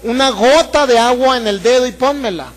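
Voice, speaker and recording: A man's voice: extremely high pitch, moderate pace. A man with a Mexican accent voicing a tormented rich man who pleads urgently from hell, within a sermon. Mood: pleading. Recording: long hall reverb.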